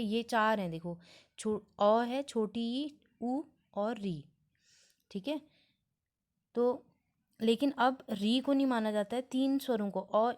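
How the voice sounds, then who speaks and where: A woman's voice: on the high side, darkish tone. A woman teaching a grammar lesson step by step, often checking that her students are following.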